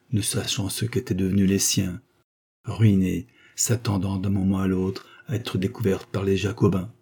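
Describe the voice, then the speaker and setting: A man reading a short story aloud in a measured, even storytelling manner. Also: low-pitched, breathy edge. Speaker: audiobook reader. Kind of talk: scripted narration of a short story.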